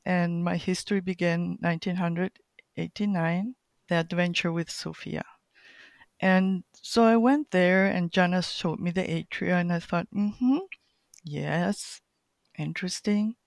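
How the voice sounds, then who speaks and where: A woman's voice: on the low side, dry recording, clean studio sound. Middle-aged woman from Chile and Colombia. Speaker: guest catechist. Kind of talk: casual interview.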